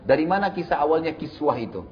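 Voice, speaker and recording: A man's voice: on the high side, animated, quick pace. Man, middle-aged, religious lecture, conversational, slightly dull sound, light hiss. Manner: conversational, frequent tag questions, speaks directly to listeners. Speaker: Islamic preacher.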